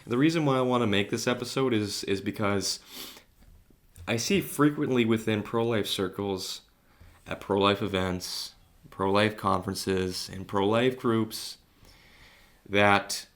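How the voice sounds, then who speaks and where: A young man talking alone on his podcast, in a somewhat low voice. He wanders through his thoughts with lots of fillers and restarts. He stays earnest and grows heated on his points. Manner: rambling and hesitant, many fillers. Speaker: podcast host. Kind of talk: solo podcast monologue.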